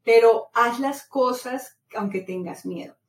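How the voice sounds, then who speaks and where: A woman's voice: a little high, unhurried. Woman, middle-aged, from Latin America, casual motivational monologue, repetitive storytelling, roomy echo. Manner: animated storytelling, many repetitions. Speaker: podcast host. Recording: roomy echo, mic set far off, faint ambient noise.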